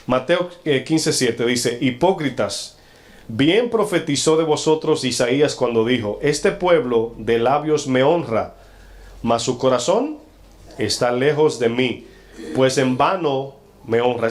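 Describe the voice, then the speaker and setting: A male pastor giving a stern, confrontational sermon. He asks the congregation rhetorical questions and slows down when he reads scripture aloud. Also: mid-range voice.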